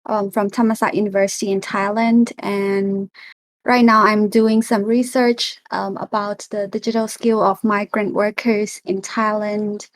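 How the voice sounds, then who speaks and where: A woman's voice: mid-range voice, flat delivery, a little slow, no echo. A young woman from Myanmar introducing herself on a panel, earnest and a little hesitant. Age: young adult.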